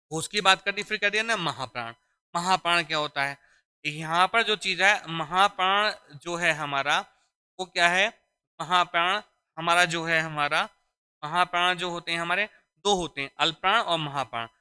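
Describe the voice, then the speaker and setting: A man's voice: high voice, moderate pace, sharp tone, clear, resonant tone. A man teaching a Hindi grammar lesson for exam preparation, repeating key phrases and quizzing his students. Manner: addresses students as "beta". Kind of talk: exam-prep classroom lesson.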